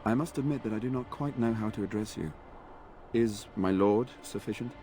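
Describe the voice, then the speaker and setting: A weary, dutiful knight voiced by a man in a fantasy game, speaking in grave, courtly phrases. His voice sits a little low, and faint game music plays beneath him. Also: moderate pace, dark tone, lightly acted. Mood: solemn. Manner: formal, courtly speech. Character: earnest knight sworn to a noble lord, weary and dutiful. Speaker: game character. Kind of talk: video game voice acting.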